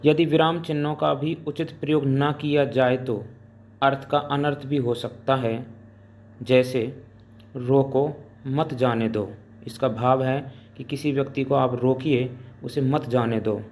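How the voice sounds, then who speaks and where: Man, grammar teacher, very slow pace, deliberate, pauses after each term, faint hiss behind. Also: mid-range voice, fairly even intonation, darkish tone. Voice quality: deliberate, pausing between listed items. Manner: dictating examples slowly, then explaining them. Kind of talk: slow explanatory classroom lecture.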